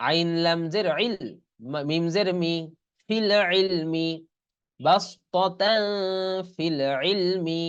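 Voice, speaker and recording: In an online class recording, a man with a slightly high voice and cut-off highs teaches Quran reading. He slowly and deliberately spells out each letter and vowel, then stretches out the whole word.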